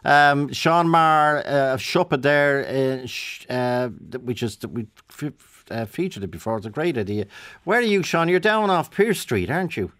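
An Irish man hosting a live radio phone-in, talking briskly and chattily with frequent restarts into a studio microphone. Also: fairly high pitch, animated, a bit bright, no room sound.

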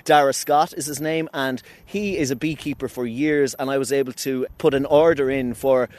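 A man's voice: mid-range voice, fairly even intonation, moderate pace, a little mellow. A man with an Irish Midlands accent, talking enthusiastically and at length as a beekeeper in a casual interview. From Irish midlands (Athlone), Ireland. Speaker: beekeeper and wildlife rescuer, interviewee.

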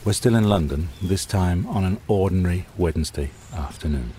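A man's voice: low voice, expressive, normal speed, mellow, slight background noise. A man hosting a scripted true-crime documentary podcast, telling the story conversationally in short, suspenseful phrases straight to the listener. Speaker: podcast host and narrator.

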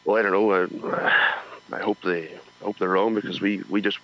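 A man with a Donegal Irish accent answering casually in a radio interview, haltingly and colloquially, repeating words as he goes, over the phone. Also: low-pitched, fairly even intonation. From County Donegal, Ireland. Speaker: farmer and farmers' organisation leader, interviewee. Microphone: phone line. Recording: dull lo-fi phone line.

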